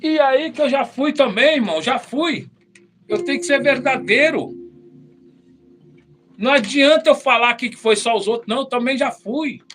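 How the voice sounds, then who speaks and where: Very high-pitched animated missionary. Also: male voice, normal speed. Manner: animated, addresses listeners as brother. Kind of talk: testimony storytelling in preaching.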